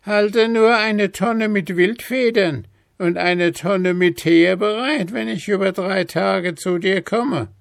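A man doing a cunning old hag in a storybook reading, her voice pitched far up into a thin, strained cackle. She drawls slyly and sounds bold and scheming, with a rough, gravelly edge and a close, dry sound. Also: fairly even intonation, slow, no room sound, heavily acted. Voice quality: high cackle.

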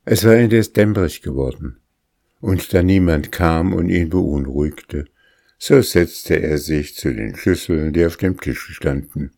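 A man reads a classic tale aloud at an unhurried, measured pace. His voice sits very low. The recording is dry and close, with no room echo. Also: gravelly, warm tone. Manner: measured, deliberate storytelling. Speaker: narrator. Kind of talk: audiobook reading of a classic tale.

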